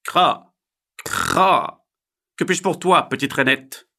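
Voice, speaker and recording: A man voicing a wise old male heron in a storybook, croaking and speaking knowingly. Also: a little high, very animated, slow pace, bright, forceful tone, voice pushed up, full character voice.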